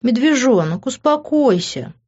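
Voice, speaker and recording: A woman's voice: fairly high pitch, big pitch swings, normal speed, highs cut off, voice pushed up. A woman reading an audiobook, voicing a sassy young woman in a raised, playful voice. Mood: teasing. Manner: bright, playful, mocking.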